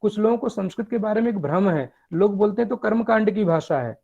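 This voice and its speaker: A man giving a lecture, explaining step by step with animated emphasis. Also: high-pitched, fairly quick, vocal fry, husky, muffled recording. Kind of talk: academic lecture.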